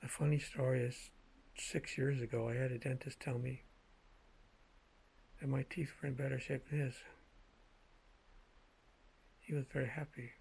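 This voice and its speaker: A man speaking in a measured, halting way with a gravelly, husky voice, telling personal anecdotes in a casual monologue. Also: medium pitch, level tone, a little mellow, rough recording. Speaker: vlogger telling personal stories.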